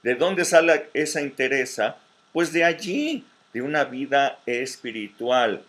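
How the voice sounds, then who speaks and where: A male pastor preaching slowly and deliberately at a virtual meeting, pausing often on fillers and repeated words. His pitch sits at an average level for a man. Now and then he stops to ask whether his listeners are following. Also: very animated, fairly bright tone. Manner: slow, with frequent hesitations and repeated words; checks in with listeners. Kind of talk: informal online Bible study sermon.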